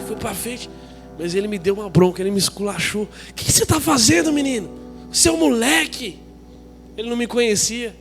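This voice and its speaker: High-voiced Brazilian pastor telling a story. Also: male voice. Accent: Brazilian Portuguese. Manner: lively storytelling, acting out dialogue. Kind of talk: sermon storytelling.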